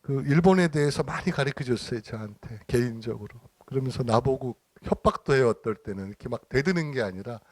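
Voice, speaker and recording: A man's voice: medium pitch, lively intonation, brisk, hardly any pauses, dry recording. A middle-aged man giving an informal lecture, telling anecdotes with acted-out dialogue and frequent laughter. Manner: chatty storytelling, acting out dialogue, frequent laughter. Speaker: lecturer and church minister.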